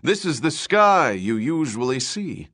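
A man's voice: mid-range voice, very animated, unhurried, a bit bright, no echo, voice pushed up. A man voicing a brash television host who talks like a showman, with emphatic, raised delivery and big swings in tone. The recording is close and dry. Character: brash male TV talk show host. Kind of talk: audiobook character voice.

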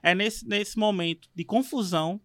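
A man's voice: sits high, normal speed, fairly bright tone, no room sound, clean studio sound. A man hosting a podcast, thinking aloud in a reflective way with many fillers. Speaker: podcast host. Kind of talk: podcast conversation.

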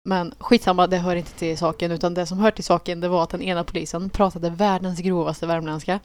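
A young woman co-hosting a casual chat podcast, telling her story in a matter-of-fact way with small pauses and dry laughs. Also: lowish voice, little pitch movement, a little mellow. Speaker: podcast co-host.

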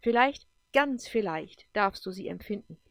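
A woman's voice: mid-range voice, lively intonation, measured pace, a bit bright, no room sound. Woman reading a stern male alien advisor. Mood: lecturing. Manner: firm, lecturing.

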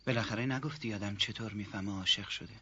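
A man's voice: lowish voice, slight background noise. An actor playing a shy young man who asks hesitant, earnest questions about love, in 1970s TV drama acting. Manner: hesitant, soft-spoken, earnest. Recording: muffled lo-fi TV audio.

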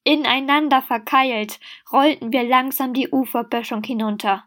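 A woman with a fairly high voice reads a story aloud in a dramatic way. She voices the quoted dialogue with raised, shouting delivery. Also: fairly even intonation, moderate pace. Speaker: reader.

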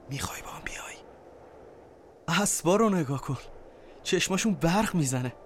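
A man's voice: on the high side, close to an everyday voice. Musing free-spirited dreamer, acted by a man. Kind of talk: poetic audio drama monologue.

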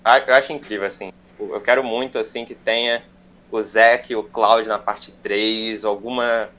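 A man's voice: fairly low pitch, fairly even intonation, normal speed, fairly bright tone. A man hosting a casual gaming chat, talking with awe and many fillers.

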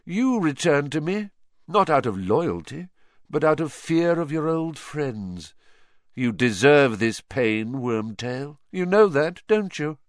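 A menacing storybook dark wizard lord, put on by a male reader. He speaks very slowly and theatrically, with big swoops in pitch and cold, deliberate disdain. The sound is close and dry. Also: sing-song, dry recording. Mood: coolly scornful.

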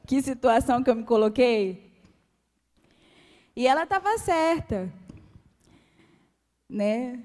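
A woman with a Brazilian Portuguese accent giving a calm, soft-spoken testimony sermon to a church. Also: a little high. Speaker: church speaker. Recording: long hall reverb.

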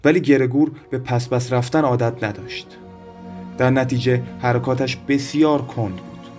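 A male audiobook narrator reads a classic novel in a measured, steady way. His voice sits at an ordinary middle pitch. Soft music plays faintly behind him. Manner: measured, even storytelling reading. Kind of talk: scripted literary narration. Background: soft background music.

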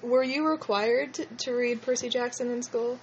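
A woman's voice: on the high side, steady tone, normal speed, slight background noise, poor audio. A woman with a slushy lisp hosting a casual fan discussion in a hesitant, rambling way. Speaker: podcast host.

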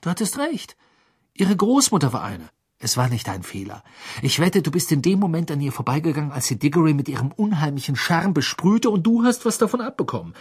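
A man voicing a calm teenage boy wizard who speaks in a soothing, explaining way. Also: a little high, a little fast, slightly rough, pitched above the performer's own voice. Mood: consoling.

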